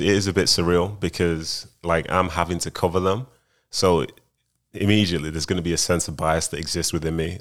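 A young man, a retired footballer now in broadcasting, answering interview questions in a laid-back, rambling way. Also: low voice.

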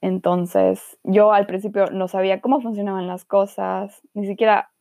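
A young adult woman from Ecuador hosts a casual podcast in Germany, reflecting on living on her own as a student and using many fillers. Her medium-pitched voice is steady, mellow and slightly creaky with vocal fry, delivered at a moderate pace with no room sound.

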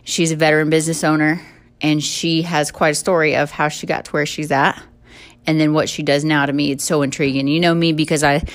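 A woman hosting a podcast, introducing her guest in an upbeat, chatty way. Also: low voice. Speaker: podcast host. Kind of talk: podcast interview.

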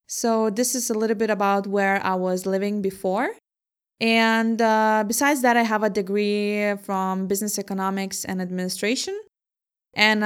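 In an interview, a young Lithuanian woman describes her work as an entrepreneur, her voice mid-pitched for a woman, clear and resonant. Her answers are measured and thoughtful, and she laughs easily.

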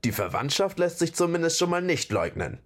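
A man voicing a blunt, gruff male warrior with an axe who grumbles and growls his lines. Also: fairly high pitch, very animated, a little fast, pitched above the performer's own voice. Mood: sarcastic.

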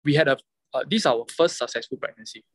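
A Singaporean man in a casual podcast chat as a guest, speaking Singlish with Mandarin and English mixed mid-sentence, often hesitant and halting. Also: mid-range voice, a bit bright, dry recording. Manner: Singlish, code-switching between English and Mandarin with local particles.

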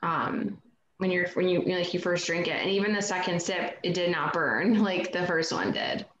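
A woman chatting casually about a drink in an unhurried, slightly hesitant way. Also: on the low side, fairly bright tone, lo-fi sound. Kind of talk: casual chat. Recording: roomy echo, off-mic.

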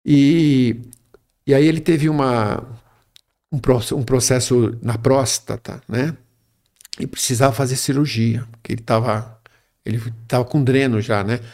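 A man's voice: medium pitch, fairly even intonation, a little slow, a little mellow. A middle-aged man telling a personal story in a rambling, casual way, often tagging his sentences with a questioning "right?". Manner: rambling, tags phrases with "né?".

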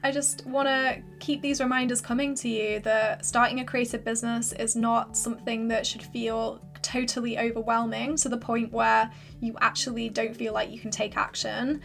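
A woman hosting a solo podcast with casual, rambling, encouraging advice, her voice slightly hoarse as if she is losing it. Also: a little high, flat delivery, normal speed, a bit bright, faint music behind. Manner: informal, filler-heavy, rambling encouragement. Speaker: podcast host and creative business coach.

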